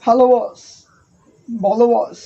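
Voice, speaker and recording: Woman playing a high-voiced, melodramatic young student. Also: fairly even intonation, slow pace, creaky, dull audio, slight background noise. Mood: cheeky. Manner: theatrical, whining repetition. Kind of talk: cartoon comedy skit.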